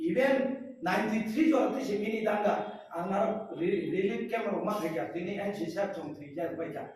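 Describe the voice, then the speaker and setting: A man's voice: high-pitched, a little mellow, a little hiss or hum. A man speaking at a press meet, giving an emphatic statement and repeating his points. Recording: echoey room from a distance.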